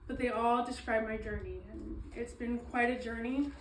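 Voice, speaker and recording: A woman giving a slow, earnest reading of her own poetry, pausing often with ums and apologies. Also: a little high, fairly even intonation, a little hiss or hum. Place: small event space, indoors. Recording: echoey room, mic at a distance.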